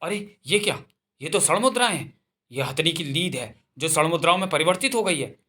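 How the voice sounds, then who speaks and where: A man voicing a frantic farmer who shouts for help. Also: on the high side, animated, brisk. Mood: excited.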